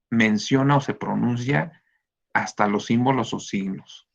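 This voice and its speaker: Gravelly man teaching punctuation, lo-fi. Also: mid-range voice. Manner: explains step by step with frequent fillers and "¿ok?" checks. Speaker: reading course teacher. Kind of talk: online class lecture on punctuation. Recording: dull lo-fi recording.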